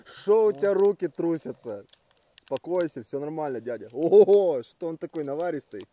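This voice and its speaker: A man's voice: fairly high pitch, very animated, fairly quick, warm tone, no room sound, lo-fi sound. A young man in casual, coarse, blunt and teasing chat, recorded outdoors at a campsite.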